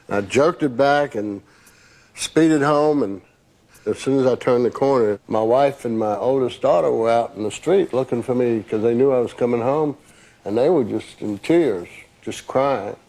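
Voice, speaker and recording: A man telling a personal memory in an interview, earnest and a little halting. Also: mid-range voice, darkish tone.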